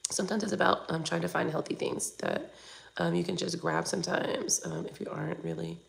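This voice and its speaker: Her voice sits on the low side, steady and brisk, with a gravelly fry underneath, as this tarot reader in her forties chats with live-stream viewers and reads their comments. She's candid, swears casually now and then, and keeps clearing her throat since she's under the weather.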